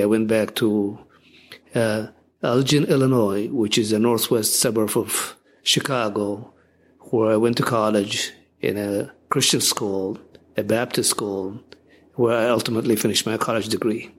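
A man's voice: lowish voice, fairly even intonation. Older man, reflective storyteller. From Ethiopia. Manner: reflective, halting with fillers. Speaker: guest. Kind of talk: interview storytelling.

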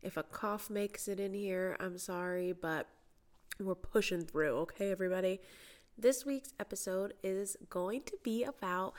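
A woman's voice: medium pitch, measured pace. A woman hosting a solo podcast in a casual, chatty way, with a stuffy, congested nose from a cold. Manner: chatty, informal. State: has a cold. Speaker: podcast host and mindset coach.

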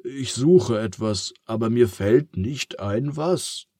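A bumbling, forgetful wizard, as a man puts him on, in a somewhat raised, lively voice. He drags out his spell chants and sounds muddled, recorded close and dry. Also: mid-range voice, slow, slightly rough, dry recording, pitched above the performer's own voice. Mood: puzzled. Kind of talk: storybook reading.

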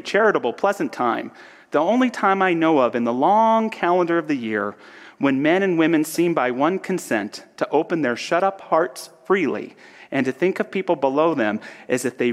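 A man voicing a cheerful, warm-hearted young nephew who speaks in a bright, earnest, pleading way. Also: a little high, close to an everyday voice. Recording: long hall reverb.

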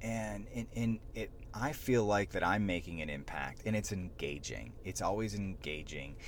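A man who presents the news, coaching listeners on public speaking in a casual, energetic way, often restarting his sentences. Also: deep voice, normal speed, slight background noise. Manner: energetic, many restarts, punches the last word. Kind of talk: casual instructional talk.

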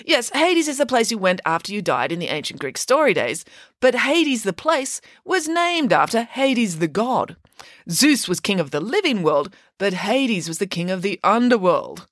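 A woman's voice: medium pitch, sing-song, normal speed, no echo, studio quality, voice pushed up. Nanny Piggins, a woman doing a vain pig nanny. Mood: grandly boastful. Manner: boastful and theatrical. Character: grand, vain, cake-loving female pig nanny.

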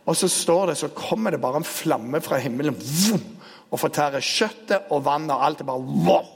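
A man preaching a sermon, retelling a story with lively storytelling. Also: a little high, breathy edge. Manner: storytelling, grows animated and loud in the retelling. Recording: long hall reverb.

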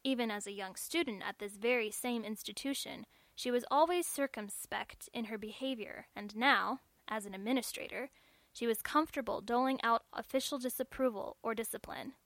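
Woman narrating a story, fairly high voice. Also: moderate pace, a bit bright, no echo.

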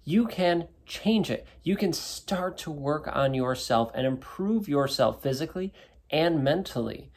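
This thirtysomething podcast host and wellness coach speaks a little slowly, with a slightly high, darkish voice and lively intonation. His solo talk is casual and conversational, peppered with "right?" as he checks in with his audience.

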